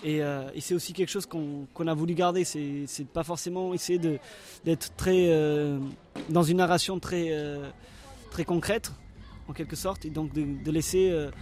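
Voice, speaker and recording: A man from Portugal, a circus performer answering interview questions in a halting way, often searching for words. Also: fairly high pitch, steady tone, darkish tone.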